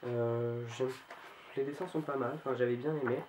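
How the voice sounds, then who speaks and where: A man's voice: medium pitch, steady tone, normal speed, background noise. A man casually showing his book collection on his video channel, talking hesitantly with many fillers and restarts. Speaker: book vlogger.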